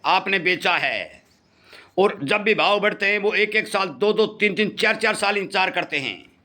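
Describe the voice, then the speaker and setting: A middle-aged man speaks to farmers in a high, ringing voice. He warns them in earnest and says his key points twice to drive them home. His tone is bright and forceful. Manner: earnest, warning, repeats points for emphasis. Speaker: farming channel host. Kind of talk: impassioned commentary to farmers.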